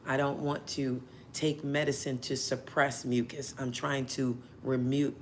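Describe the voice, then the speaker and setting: A woman whose voice is still hoarse, hosting a tarot livestream in a chatty way and checking in with her listeners often. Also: very deep voice, slight background noise. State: hoarse, recovering voice. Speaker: tarot reader and channel host.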